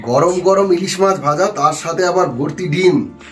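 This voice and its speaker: A man's voice: on the high side, measured pace, fairly bright tone, soft background music. A man on his family's home vlog, teasing and joking as he talks to viewers. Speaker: vlogger's husband. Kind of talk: casual home vlog banter.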